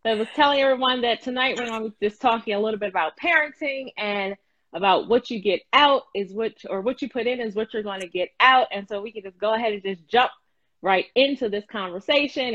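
A woman's voice: medium pitch, a bit bright. A woman host interviewing a guest over a livestream, chatty and asking long, rambling questions. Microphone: livestream call. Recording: dull lo-fi livestream audio.

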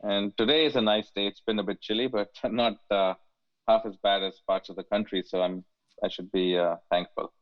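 Deep-voiced man from India, phone-like line. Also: steady tone, moderate pace, no room sound. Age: 40s. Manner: hesitant, many fillers and restarts. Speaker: guest. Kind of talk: casual interview conversation.

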